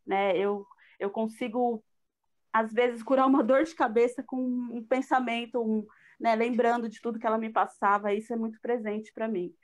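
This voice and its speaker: A woman's voice: on the high side, fairly even intonation, normal speed, darkish tone. A middle-aged woman with a Brazilian Portuguese accent, giving an earnest, reflective personal testimony in a live talk. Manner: earnest, reflective, with frequent fillers. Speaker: guest speaker.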